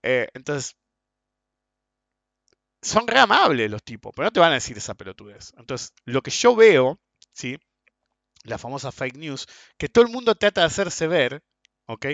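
A man's voice: fairly high pitch, big pitch swings, moderate pace, gravelly, long pauses, a bit bright, no echo. A man with an Argentine accent ranting in a casual monologue, blunt and crude, often tagging his sentences with "ok?" and "viste?". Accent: Argentine Spanish. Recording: dull, lo-fi and dry.

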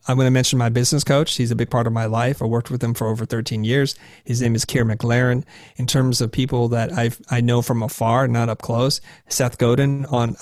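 A man guest on an interview show, recounting his career with animated storytelling. His voice sits in a middle register and sounds close and dry, with no room around it. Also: mid-range voice, no echo. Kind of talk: interview conversation.

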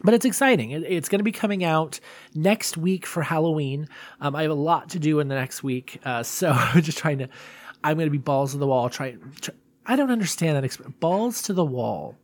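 A man's voice: on the high side, animated, moderate pace, dry recording. A man hosting a solo podcast in a casual, confessional way, rambling and self-deprecating. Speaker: podcast host.

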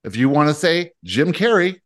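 A man leads a channeled guidance session, speaking for a collective "we." His voice sits on the high side and swoops with lively inflection. He lays out his points in deliberate, emphatic lists. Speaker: spiritual teacher answering questions.

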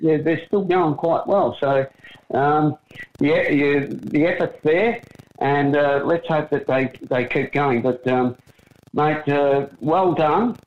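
A man's voice: a little high, takes it slowly. An Australian man co-hosting a casual chat in a rambling, hesitant, matey way, recorded with dull lo-fi sound. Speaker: co-host.

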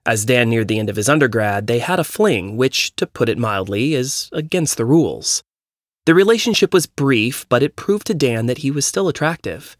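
Male narrator for a reflective personal essay, mid pitch, measured delivery, dry close recording. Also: expressive, no room sound.

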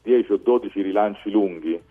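A man's voice: fairly low pitch, fast, breathy edge, narrow, tinny audio, soft background music. A man giving discursive, explanatory football commentary as a pundit on a live radio talk show.

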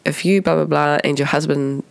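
A woman, hoarse from being sick, hosts a podcast casually in a croaky voice with creaky starts. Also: sits low, steady tone, a little fast, dry recording. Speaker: podcast host.

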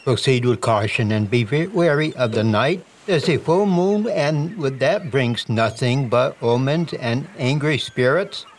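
An actor playing a prim, superstitious dockmaster in a comedic noir audio drama. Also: male voice, medium pitch, measured pace, few pauses, slight background noise, natural voice. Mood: foreboding. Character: ominous, prim male dockmaster with superstitious warnings.

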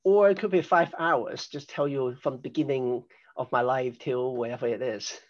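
An older man from Hong Kong, appearing as a podcast guest in a conversational interview, explains risk assessment in a chatty, self-deprecating way. His voice is medium-pitched at a moderate pace, with the highs cut off.

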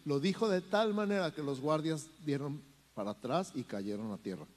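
A man's voice: fairly high pitch, normal speed, in a large hall. A man preaching a teaching sermon, reading scripture aloud and addressing the congregation. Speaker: pastor. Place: church hall.

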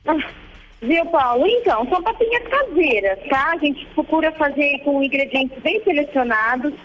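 A woman with a high voice, heard down a distant phone line. She talks politely and patiently, explaining things step by step to a caller. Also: animated, moderate pace, slight background noise. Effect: heard over a phone line. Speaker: prank call target. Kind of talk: phone conversation.

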